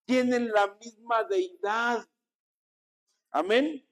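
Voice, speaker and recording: A man's voice: very high-pitched, very slow. A man with a Mexican Spanish accent, a pastor preaching a sermon and calling on his congregation to repeat after him. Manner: preaching with call-and-response to the congregation.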